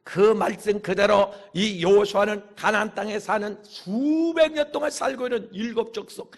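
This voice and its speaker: A man, a pastor, preaching a sermon with emphatic bursts and shouted hallelujahs. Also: sits high, moderate pace.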